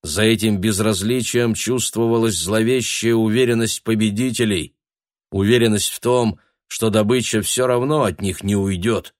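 A man narrating a novel in an even, measured reading. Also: lowish voice, no room sound, studio quality. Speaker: audiobook narrator. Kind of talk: scripted narration.

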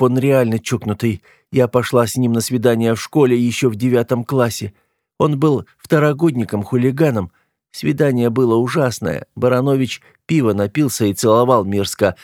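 A man's voice: medium pitch, darkish tone, no room sound, clean studio sound, pitched above the performer's own voice, natural voice. A man reading an audiobook voices a frightened, tearful young woman, pleading with a raised voice.

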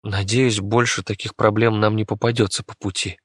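A man's voice: fairly low pitch, flat delivery, normal speed, husky, dry recording, clean studio sound. A man voicing a cautious young boy who speaks hesitantly. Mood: wary. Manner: hesitant, wary.

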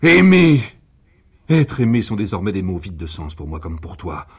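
Furious heartbroken sculptor guy, as a man reads him, deep husky voice, yells then drops low. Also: animated, brisk, exaggerated voice. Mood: raging. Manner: swings from low murmurs to shouted outbursts. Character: enraged betrayed male sculptor, violent and despairing. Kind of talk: dramatic literary reading.

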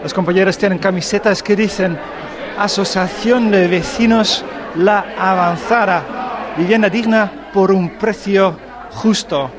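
A man's voice: high-pitched, unhurried. A man reporting from a street crowd, chatting and asking short direct questions. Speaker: field reporter. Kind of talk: on-location news report and street interviews. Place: outdoors on a town street among crowds.

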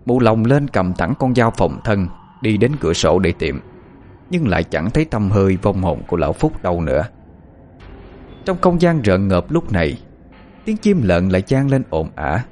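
A man giving a dramatic, expressive narration of a horror story as an audiobook narrator. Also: low voice, moderate pace, a little hiss or hum.

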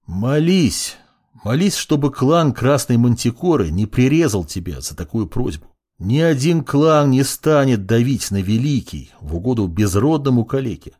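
A man's voice: mid-range voice, sing-song, normal speed, a little mellow, pitched above the performer's own voice. A man voicing a young male judge who is irritated and condescending, speaking in a brusque, lecturing way in an audiobook.

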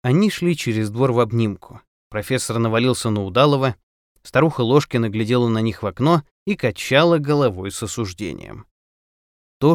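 Man narrating an audiobook, animated pitch, theatrical, dry close mic. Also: no room sound. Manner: theatrical, voices each character. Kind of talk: expressive audiobook reading.

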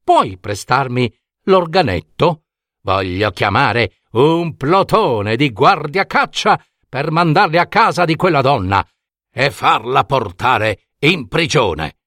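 A man's voice: medium pitch, sing-song, slow, a bit bright, dry recording, clean studio sound. A man voicing a kind-hearted young peasant boy in a storybook reading, earnest and upset. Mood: tearful.

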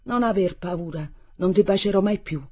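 A wounded teenage boy throwing out bitter, angry words, as a woman reader takes his part. The tone stays warm and a little husky, close to the reader's own voice, in an audiobook reading. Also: medium pitch, normal speed, natural voice. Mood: furious. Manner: bitter, hurt outbursts.

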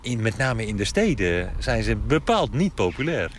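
A man's voice: on the low side, sing-song, moderate pace. A man in a casual outdoor radio conversation, speaking thoughtfully with hesitant phrasing. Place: outdoors, near water in a town. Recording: outdoor field recording with background noise. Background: gulls calling.

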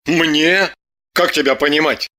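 A man's voice: a little high, steady tone, a little slow, pushed and bright. A man voicing a bewildered middle-aged husband who keeps defending himself with indignant, theatrical protests. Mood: baffled.

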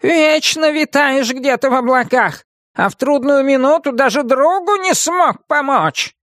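A woman's voice: high voice, expressive, fairly bright tone, dry recording, voice pushed up. A shrieking furious old witch. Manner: shrieking, scolding, drawn-out angry words. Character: furious old female witch, shrill and scolding. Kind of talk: audiobook character voice.

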